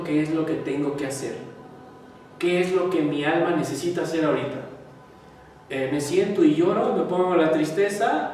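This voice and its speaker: A man giving a spiritual talk, swinging from loud emphasis to quiet asides. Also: high voice, slight background noise. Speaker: spiritual teacher. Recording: echoey hall, mic far off.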